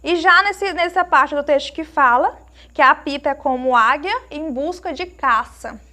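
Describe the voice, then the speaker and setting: A woman teacher giving a lesson to young children, asking them questions and slowly sounding out each word she explains. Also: sits high. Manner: slow emphatic sounding-out of words; warm diminutives, asks pupils questions.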